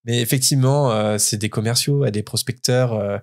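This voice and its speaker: A man's voice: medium pitch, steady tone, normal speed. A French man hosting a casual podcast, enthusiastic and hesitant with frequent fillers. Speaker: podcast host. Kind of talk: casual chat about book translation.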